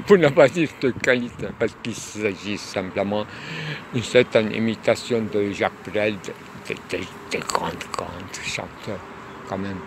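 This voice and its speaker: Slow, hesitant man over loud traffic. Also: on the low side. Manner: hesitant, full of pauses and fillers. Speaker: lecturer. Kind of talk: rambling musing monologue. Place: outdoors near traffic, by a tunnel. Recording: loud traffic noise behind.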